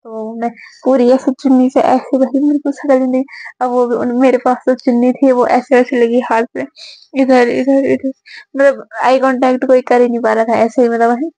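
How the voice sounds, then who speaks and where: A woman's voice: high-pitched, flat delivery, moderate pace, dark tone, dry recording, rough recording. A young woman in her twenties, chatting casually to camera as a vlogger and giggling now and then while she tells a personal story. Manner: giggly, chatty, repeats filler words often.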